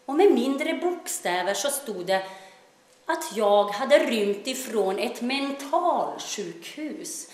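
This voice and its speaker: Actress as a wry, troubled self-proclaimed daughter of God, high voice, very echoey stage room. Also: female voice, expressive, natural voice. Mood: storytelling. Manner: wry, shifting between bursts of loud speech and hushed telling. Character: troubled woman claiming to be God's daughter. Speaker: stage actor in a monologue. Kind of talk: theatrical monologue.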